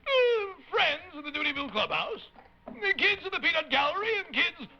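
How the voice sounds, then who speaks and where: A man's voice: very high voice, very animated, moderate pace, creaky, pushed and bright, full character voice. A man voicing a pompous, stingy old puppet with a blustering, stammering delivery on a 1950s children's show. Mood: self-important. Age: older. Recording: dull, noisy 1950s television audio.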